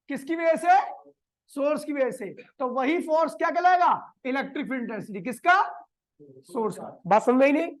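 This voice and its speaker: High-voiced man teaching a class. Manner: quizzes the class and answers his own questions; slow dictation of definitions. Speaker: physics teacher. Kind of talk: classroom lecture. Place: classroom with a board.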